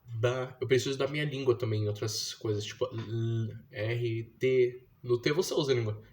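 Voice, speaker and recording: A man's voice: medium pitch, moderate pace, darkish tone, slight background noise. A young man from Brazil, talking casually and explaining step by step, with slangy fillers. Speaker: vlogger teaching his younger sister to read. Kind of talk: casual slangy monologue to camera.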